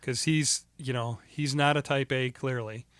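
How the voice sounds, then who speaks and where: A man's voice: mid-range voice, steady tone, measured pace, fairly bright tone, no echo. A man co-hosting a podcast, chatting casually about a film, retelling the plot with asides and laughs. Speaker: podcast co-host.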